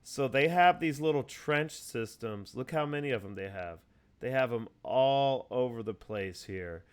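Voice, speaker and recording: A man talking casually over a video call, walking his listener through a topic in long, wandering explanations. His voice is smooth and resonant at an ordinary middle pitch, full of "uh"s, "like"s and false starts. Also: expressive, unhurried. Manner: rambling, explanatory, many fillers and restarts. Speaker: host. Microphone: video call mic.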